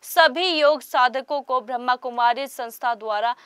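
A woman narrating a news report in a formal, even voice-over. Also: sits high, normal speed, smooth, dry recording.

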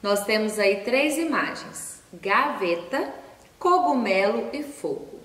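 A woman teacher gives a recorded class to young children, slowly and patiently spelling out letters and syllables and answering her own questions. Her voice is medium in pitch, a bit bright, with big pitch swings. The room echoes and she is far from the mic.

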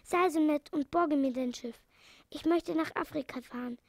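A caring male animal doctor who talks gently and earnestly, read by a woman. The voice is high with a touch of fry. It is recorded close and dry. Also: normal speed, no room sound. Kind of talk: storybook reading.

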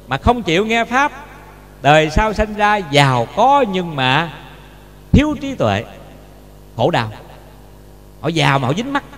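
A Buddhist monk gives a dharma talk, telling a story and often asking the listeners rhetorical questions. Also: male voice, high voice, a bit bright. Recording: long reverb with faint hum.

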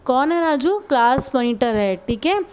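Indian lady teacher going over a story word by word, high voice, really slow. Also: sing-song, a little mellow, clean tone. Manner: explains word by word, asks and answers her own questions. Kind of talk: classroom lesson explaining a reading.

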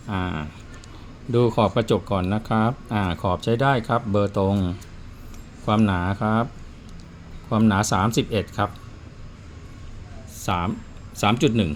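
A man's voice: fairly low pitch, slight background noise. A man who repairs watches, talking casually and telling stories in a plain, chatty way while he works. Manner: chatty storyteller, plain spoken. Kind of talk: casual explanatory chat.

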